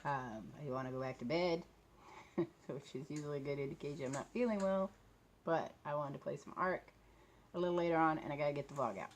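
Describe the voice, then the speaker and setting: A woman's voice: deep voice, brisk, slight background noise. A woman in her late fifties chatting casually and rambling for a vlog, tired, with a sore throat and speech slightly affected by a swollen lip. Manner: talking a bit funny from a swollen mouth. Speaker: vlogger talking about books and authors.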